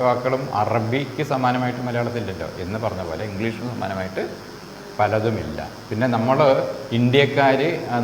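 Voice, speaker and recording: Malayali man teaching vowel sounds. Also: fairly low pitch. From Kerala, India. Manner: repeats example words slowly, asks rhetorical questions. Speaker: phonetics teacher. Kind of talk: classroom lesson on English vowel sounds. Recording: echoey room with faint background noise.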